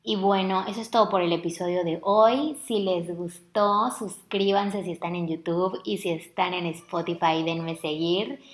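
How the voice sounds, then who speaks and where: A woman's voice: fairly low pitch, steady tone, measured pace, few pauses, reverberant. A woman hosting a podcast, telling stories in a chatty, confiding way full of slang. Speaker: podcast host, mother. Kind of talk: casual podcast monologue.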